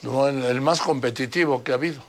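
A man's voice: mid-range voice, fairly quick. An older man, hosting an interview in a chatty way, prompting his guest with questions. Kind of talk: casual interview.

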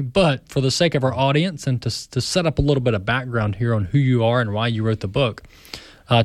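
A man hosts a talk radio show, chatting with a guest in a friendly, unscripted way full of "um"s. His voice sits in a middle pitch. The studio sound is dry and close to the mic. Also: dry recording. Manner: friendly, with frequent fillers. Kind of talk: casual radio interview.

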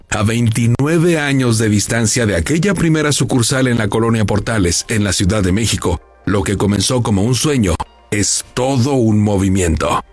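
A man reading a scripted news feature as narrator, measured and polished. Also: lowish voice, breathy edge, no room sound. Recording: voice-over with faint music.

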